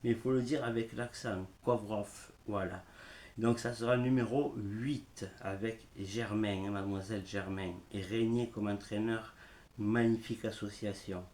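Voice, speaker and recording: A man giving horse racing betting tips in a casual live stream, speaking haltingly and filling pauses with the same word. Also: lowish voice, fairly even intonation, darkish tone. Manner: slow, halting, repeats "voilà" often. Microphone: smartphone.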